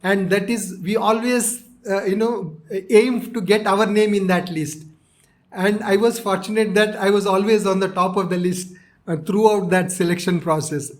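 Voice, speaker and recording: A man in his sixties speaks with a South Indian accent in a notably high-pitched voice. He answers as an interviewee, laying out his experiences step by step in a measured, explanatory manner. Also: steady tone. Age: 60s. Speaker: interviewee, retired navy officer. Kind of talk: interview, recounting personal experience.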